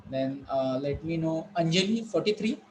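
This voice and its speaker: Teacher lecturing online. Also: male voice, on the high side, animated, slight background noise, rough recording. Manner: explaining slowly with many fillers and repetitions. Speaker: college English teacher. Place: online class.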